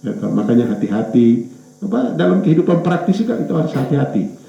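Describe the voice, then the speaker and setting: A male pastor preaching a sermon, pausing on fillers and correcting himself, his pitch rising and falling for emphasis. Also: creaky. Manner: hesitant, with fillers and self-corrections; lively rise and fall in pitch for emphasis. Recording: echoey church room, dull lo-fi sound.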